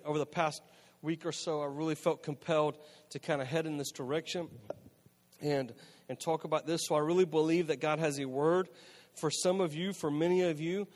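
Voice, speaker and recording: A man, a pastor, casually opening his sermon in a halting way. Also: fairly high pitch, fairly even intonation, a little mellow. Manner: halting, many fillers and restarts, casual. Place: church sanctuary. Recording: long church sanctuary reverb.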